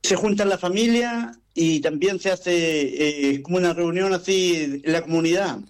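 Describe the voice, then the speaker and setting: A man's voice: high-pitched, normal speed, poor audio. A man from Chile, a radio guest who explains things hesitantly and with many filler sounds. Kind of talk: conversational explanation.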